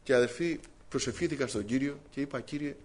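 Male preacher, mid-pitched, delivering a fervent, exhorting sermon. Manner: fervent, exhorting, rising to loud emphasis.

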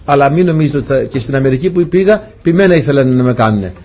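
A man's voice: medium pitch, lively intonation, mellow, lo-fi sound, a little hiss or hum. A man preaching a testimony sermon, telling his story earnestly and often turning to address the congregation as dear brothers.

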